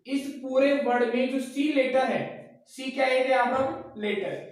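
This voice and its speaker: A man's voice: extremely high pitch, steady tone, unhurried. A man teaching a class who asks his own questions, answers them, and repeats each key point. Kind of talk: classroom lecture. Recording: very echoey room, mic far off.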